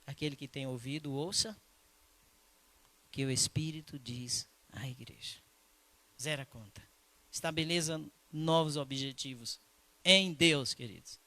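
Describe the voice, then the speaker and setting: A male pastor with a medium-pitched voice preaches a sermon in church. He tells a personal story with emphasis, then slows down into hushed prayer.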